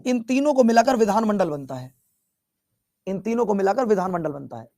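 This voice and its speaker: A man's voice: high-pitched, lively intonation, brisk, mellow, dry recording, studio quality. A male teacher from Bihar giving a chatty classroom lecture, repeating his questions and teasing students as he scolds them. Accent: Bihar Hindi.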